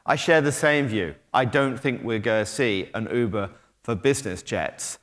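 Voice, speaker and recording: A middle-aged British man who heads a technology company gives a conference keynote, his mid-range voice a bit bright and at normal speed. He talks conversationally, full of ums and restarts, walking the stage with a moving stage mic in a conference hall that carries a long reverb.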